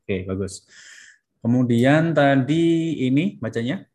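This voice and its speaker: A man's voice: medium pitch, lively intonation, takes it slowly, a little mellow. A man teaching a German class, patiently prompting students to say words back. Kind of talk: classroom language lesson.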